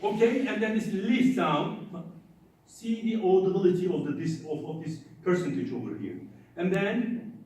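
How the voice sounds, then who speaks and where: A man gives an emphatic conference lecture. His high voice swings widely as he repeats words and sounds out examples. He is picked up from far off, with heavy echo from the hall. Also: expressive, normal speed, a little mellow. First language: Turkish. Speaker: conference presenter. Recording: echoey hall, distant mic.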